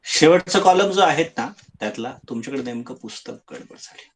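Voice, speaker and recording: A man's voice: medium pitch, expressive, a little fast. Firm man teaching an online class. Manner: firm, spells words letter by letter. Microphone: video call.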